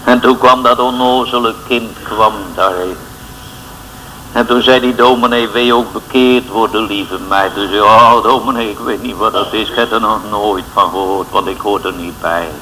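A man's voice: lowish voice, steady tone, moderate pace, bright, forceful tone, a little hiss or hum, low-quality recording. A man preaching a fervent, pleading sermon in a church, speaking. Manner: fervent, pleading, addresses listeners as boys and girls.

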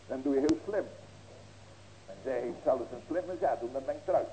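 A male pastor preaching a sermon, asking rhetorical questions and breaking into loud raised cries. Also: mid-range voice, normal speed, a little hiss or hum, low-quality recording.

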